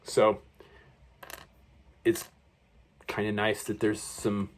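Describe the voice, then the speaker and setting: A man's voice: lowish voice, monotone, extremely slow. A man casually reviewing action figures while he unboxes them, rambling along with many fillers and self-corrections. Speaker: toy reviewer.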